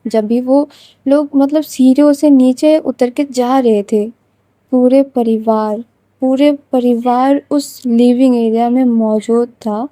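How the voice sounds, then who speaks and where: A woman's voice: on the high side, steady tone, takes it slowly, dark tone, no echo. A woman narrating an emotional love story in a conversational, dramatic way.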